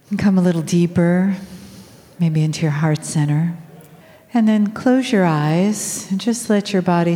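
A woman leading a guided meditation in a soft, soothing, unhurried manner with long pauses, recorded in a reverberant room. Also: on the low side. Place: large room with people present. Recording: reverberant hall.

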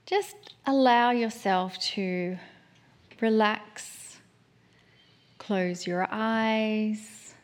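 A woman leading a guided meditation in a soft, soothing manner, with long pauses between gentle phrases. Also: mid-range voice.

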